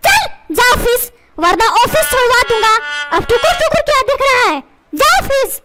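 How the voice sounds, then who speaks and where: A woman's voice: very high-pitched, sing-song, moderate pace, very noisy. A woman voicing a rude, cheeky schoolboy in a cartoon who mocks his father. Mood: mocking. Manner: mocking, taunting. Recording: loud background music.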